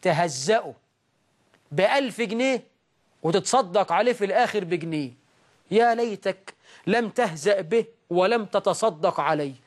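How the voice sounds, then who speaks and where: A man preaching a sermon in an Egyptian accent, moving between slow, drawn-out recitation and sudden raised outbursts. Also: sits high, lively intonation. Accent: Egyptian Arabic.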